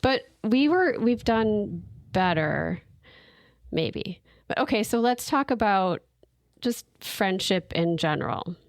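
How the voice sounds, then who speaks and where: A woman's voice: mid-range voice, animated, slow pace, no room sound, studio quality. A woman co-hosting a podcast in casual chat, chatty, laughing often and restarting her sentences. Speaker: podcast co-host.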